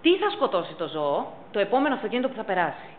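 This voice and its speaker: A woman's voice: mid-range voice, sing-song, narrow, tinny audio, slight background noise. A woman teaching pet first aid at a public talk, stressing and repeating her key points. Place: council chamber.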